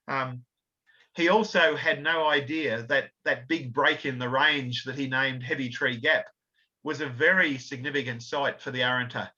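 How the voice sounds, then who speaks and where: Bright-voiced man giving a slide talk. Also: medium pitch, fairly even intonation, normal speed. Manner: explanatory, many fillers and self-corrections. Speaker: author and researcher giving a talk. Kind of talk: illustrated history talk with slides. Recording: slightly dull lo-fi audio.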